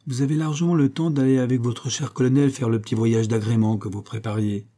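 A man's voice: mid-range voice, steady tone, brisk, warm tone, lightly acted. A man reading an audiobook and voicing a suave, cruel master criminal who mocks his victim with false politeness. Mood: taunting. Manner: smooth, mocking, falsely polite.

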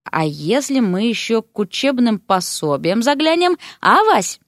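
A sly young male necromancer, read by a woman narrator sweet-talks with a hint of menace. The voice is fairly high and lively. The recording is dry and close. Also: measured pace, no echo.

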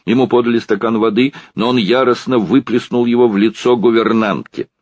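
A man's voice: mid-range voice, steady tone, brisk, no echo, muffled recording. A man narrating a literary audiobook expressively. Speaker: audiobook reader.

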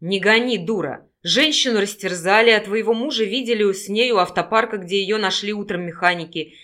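Female narrator voicing a menacing male werewolf detective, scornful and loud. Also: mid-range voice, fairly quick, close to an everyday voice. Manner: contemptuous, raises voice to shout.

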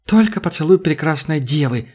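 A man voicing an excitable young female adventurer in an audiobook, chattering eagerly in a husky voice. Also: fairly high pitch, a little fast, pitched above the performer's own voice. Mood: delighted.

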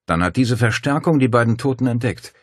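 A man voicing a calm, practical man who talks plainly and cautiously. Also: mid-range voice, brisk, dry recording, clean studio sound, pitched above the performer's own voice, lightly acted.

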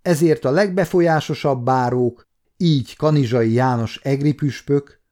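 A man in his fifties reading a historical novel aloud at a measured, even pace. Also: medium pitch. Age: 50s. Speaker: audiobook narrator. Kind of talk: audiobook narration.

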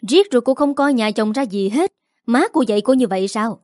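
A woman's voice: fairly high pitch, lively intonation, fairly quick, darkish tone, dry recording, studio quality, natural voice. A woman reading a storybook voices a harsh older mother-in-law who scolds in a biting, accusing tone. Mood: scolding.

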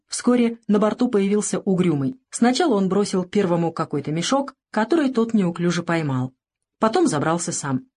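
Husky-voiced woman reading aloud. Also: mid-range voice, a little mellow. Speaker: audiobook narrator. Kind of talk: audiobook reading of a crime novel.

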